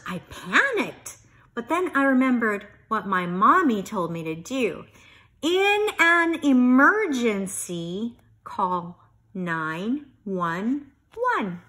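An earnest young monster boy , played by a woman reader, tells his storybook tale with excitable emphasis. The voice is bright and a bit high, swinging widely in pitch and taking its time over the words. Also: heavily acted. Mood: worried. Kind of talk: children's storybook narration.

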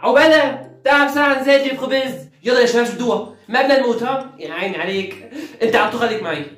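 A woman acting out a shouty family comedy skit, scolding loudly and switching between roles. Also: on the high side. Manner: scolding, loud and quick. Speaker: comedy sketch performer. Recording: echoey room with faint music.

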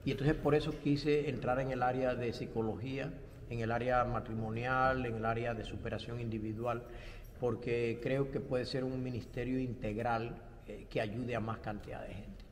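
A man's voice: mid-range voice, steady tone, moderate pace, in a large hall, a little hiss or hum. An older man from Cuba, a pastor and theology professor, answering interview questions in a reflective way with light self-deprecating humor. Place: studio set with bright backdrop.

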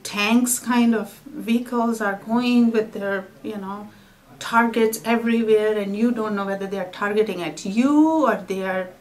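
A middle-aged woman with an Indian English accent, giving an oral history interview in a halting, soft-spoken way. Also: medium pitch, steady tone, low-quality recording. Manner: halting, soft-spoken, drops to near-whisper at grim moments.

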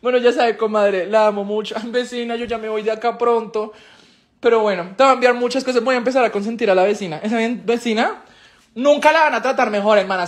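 A young man with a Colombian accent chatting on a live stream, theatrical and gushing, swearing freely. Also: very high voice. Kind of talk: casual live stream chat.

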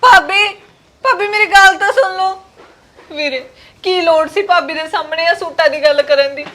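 A woman playing a gentle pleading married daughter. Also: high-pitched, steady tone, normal speed, lightly acted. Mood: tearful. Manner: pleading and soft-spoken. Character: gentle married daughter visiting her parents' home. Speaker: sister.

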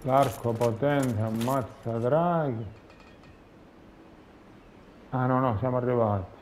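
A man's voice: medium pitch, slow pace, a little mellow. A man gives casual commentary while playing a video game. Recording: clear background noise and game ambience.

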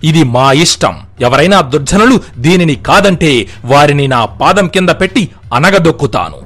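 A fierce young prince issuing a menacing warning, as a man narrator voices him. His voice is husky and lively in a storybook telling. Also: on the high side, moderate pace.

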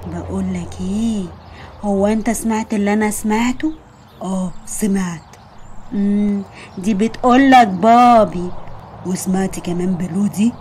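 A woman voicing a silly, grumbling male kidnapper in an Egyptian accent, talking in a low mutter. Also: moderate pace, darkish tone, slight background noise, close to an everyday voice. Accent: Egyptian Arabic.

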